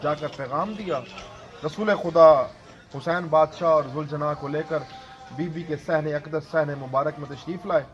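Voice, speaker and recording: A man's voice: fairly high pitch, soft background music. A man preaching a sermon of devotional storytelling and prayer, impassioned, with a chanting cadence in the prayers, at a gathering in a home. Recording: dull lo-fi recording.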